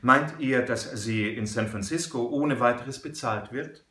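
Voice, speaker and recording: A man voicing an excitable, cheated middle-aged banker who pleads and hesitates with little ums. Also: medium pitch, unhurried, reverberant. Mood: anxious.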